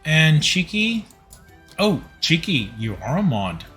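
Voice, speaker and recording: A man's voice: on the high side, sing-song, slow pace, a bit bright, soft background music. A tipsy man hosting a home cooking livestream, rambling casually and talking to his chat viewers. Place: home kitchen.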